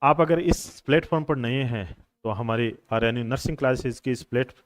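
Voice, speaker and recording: A patient male exam coaching teacher gives a classroom lecture on Hindi exam questions in a medium-pitched voice at a moderate pace. He explains carefully, repeats answers, and calls his students brothers and friends. The recording is dry with clean studio sound.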